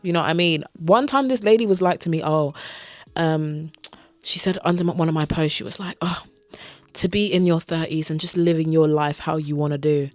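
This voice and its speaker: Her voice sits low and brisk, with no echo. She's a twenty-something vlogger from South London with a blend of London and Kent in her accent, chatting candidly from a beanbag chair in her bedroom as she answers viewers' questions to the camera facing her, adding frequent asides.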